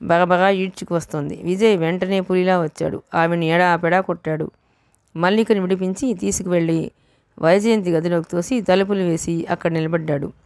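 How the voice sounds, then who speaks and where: A woman reading a novel aloud as an audiobook narrator, in steady storytelling. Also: lowish voice, fairly quick, no room sound, clean studio sound.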